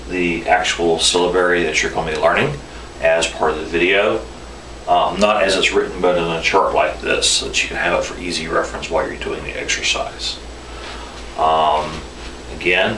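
A middle-aged man teaches informally in a very low voice with a firm, bright edge. He is recorded in an echoey room, a little away from the camera's microphone. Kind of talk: informal instructional demonstration. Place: small indoor room at a whiteboard. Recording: echoey room, distant mic, faint noise.

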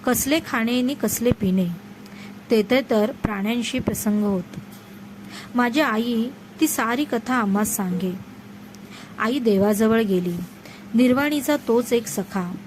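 A woman storyteller reading a classic story aloud in a measured, expressive way. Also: on the high side, noisy background.

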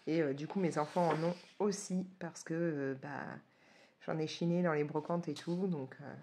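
A woman's voice: sits low, fairly even intonation, moderate pace, a little mellow. A woman from France in her forties, chatting casually and gushing as she flips through coloring books, with lots of hesitations. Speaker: coloring book reviewer. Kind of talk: casual book flip-through commentary.

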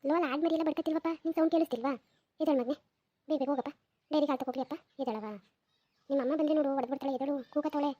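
A woman's voice: high voice, steady tone, very fast, dark tone, dry recording, highs cut off, lightly acted. A woman voicing a nagging village grandmother who coaxes and scolds her grandson in a cartoon. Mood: scolding. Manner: nagging, coaxing. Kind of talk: cartoon voice acting.

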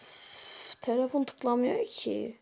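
A woman's voice: fairly high pitch, big pitch swings, slow, gravelly, a little mellow. A young woman commenting on her own gameplay, exasperated, exclaiming and muttering to herself. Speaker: gaming video creator.

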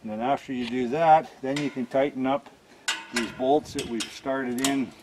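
A man of ordinary pitch narrates his own work as he goes, in a plain, practical step-by-step way. He is recorded in a workshop, and the sound of tools and mechanisms comes through clearly around his voice. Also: fairly even intonation, moderate pace, background noise. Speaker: cart builder demonstrating an install. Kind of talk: hands-on how-to demonstration.

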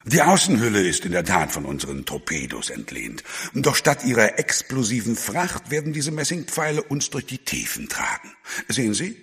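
Husky, proud submarine captain. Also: male voice, fairly low pitch, very animated, normal speed, fairly bright tone, heavily acted. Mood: proudly amused. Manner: grand, commanding. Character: confident, commanding submarine captain and inventor, proud, amused. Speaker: actor. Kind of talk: German audio drama acting.

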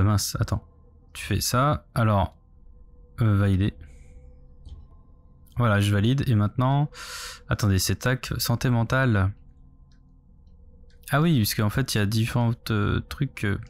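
A male game streamer talks through his playthrough in a casual way, thinking aloud. His voice sits at an ordinary middle pitch. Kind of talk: casual let's play commentary, thinking aloud.

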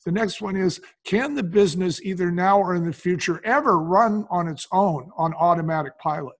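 An older man with a high-pitched voice and a moderate pace speaks conversationally as a business advisor guesting on a podcast. In the interview he explains things point by point, mixing in colloquial asides.

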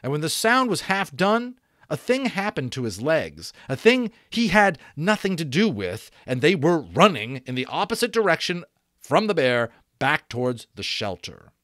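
A man in his thirties reads an audiobook in a small room at home, his fairly high voice swooping with very lively intonation. He stresses key words, repeats them for emphasis, and pauses deliberately for drama. A desk microphone close in front gives a dry, close sound with no room sound.

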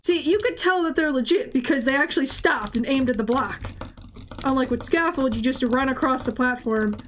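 A woman's voice: high voice, moderate pace, a little hiss or hum. A woman with a stuffy, congested voice gives casual gameplay commentary, rambling and stammering as she talks to herself. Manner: rambling, stammering self-talk. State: congested nasal voice. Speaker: gaming channel host.

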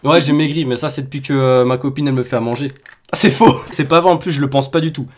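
A man hosting a casual call with his fans, excitable and teasing, joking and then taking it back, with sudden shouts. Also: mid-range voice, rapid-fire. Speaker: YouTuber host calling subscribers. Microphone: computer mic on a voice call.

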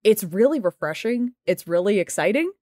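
A woman in casual podcast chat, voicing strong opinions with lively asides. Her voice sits at a middle pitch. The recording is dry and close, with no room echo. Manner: animated, opinionated, quick asides. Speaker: podcast co-host.

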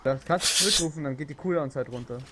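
A man's voice: on the high side, quick pace, sharp tone, slight background noise. A man playing a co-op shooter with friends, explaining game mechanics in a hesitant way with many fillers. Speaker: let's play co-player. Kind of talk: casual co-op gaming chat.

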